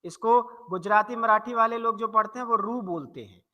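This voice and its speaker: A man's voice: high-pitched, fairly quick, big-room sound, muffled recording. A male Hindi teacher with a north Indian accent, explaining a grammar lesson and carefully repeating example words to model their pronunciation. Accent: Hindi-speaking north Indian.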